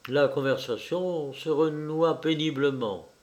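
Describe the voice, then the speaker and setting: Man narrating a classic tale. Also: fairly high pitch. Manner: measured, formal storytelling. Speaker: audiobook narrator. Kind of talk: scripted literary narration.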